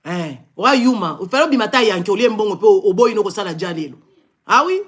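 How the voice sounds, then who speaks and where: A man's voice: high-pitched, animated, a little fast, fairly bright tone, slightly rough. Angry man with a Congolese French accent. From Democratic Republic of the Congo. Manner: angry and confrontational, repeated scolding exclamations; switches between French and Lingala mid-sentence. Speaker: live-stream commentator. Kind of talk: heated live-stream rant.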